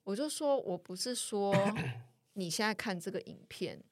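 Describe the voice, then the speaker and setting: A woman, hosting a casual podcast chat and telling stories with animated imitations. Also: medium pitch, normal speed, no room sound, studio quality. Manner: animated storytelling, imitates her mother. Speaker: podcast host.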